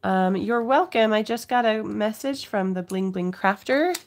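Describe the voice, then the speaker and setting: A woman's voice: medium pitch, measured pace. A middle-aged woman with a cold, giving a casual craft demonstration to viewers as the host at home. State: has a cold, occasional cough. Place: indoors at a home craft table.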